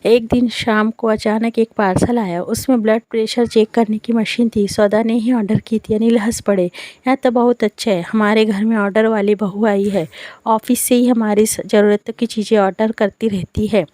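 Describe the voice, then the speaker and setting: A woman narrating a scripted family story in the first person, in a calm, measured reading style. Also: fairly high pitch, dry recording.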